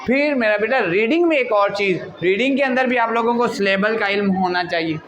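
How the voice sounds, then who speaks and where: A man's voice: high-pitched, a little fast, a bit bright. A man teaching an English lesson in a classroom. He speaks with a flavor, keeps asking the class questions and calls the students "beta". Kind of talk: classroom lecture. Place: school classroom. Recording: noisy classroom with crowd chatter.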